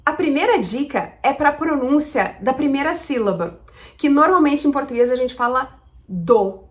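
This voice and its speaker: A woman's voice: high-pitched, expressive, normal speed. A woman from Brazil teaching pronunciation, patiently spelling out sounds one at a time. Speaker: English teacher. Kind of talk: explanatory lesson.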